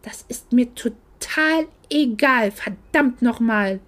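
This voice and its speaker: A wounded, indignant young daughter who talks in emotional outbursts, as a woman reads her part. Her voice sits fairly high and carries in a storybook reading. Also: slow pace, a bit bright. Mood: hurt, angry. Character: hurt, angry young woman home for Christmas.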